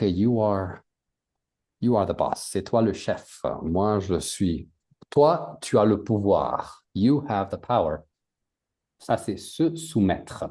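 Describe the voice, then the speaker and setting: A man's voice: on the low side, dark tone. A man teaching a language class, patiently repeating words and adding English glosses for his students. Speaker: French teacher.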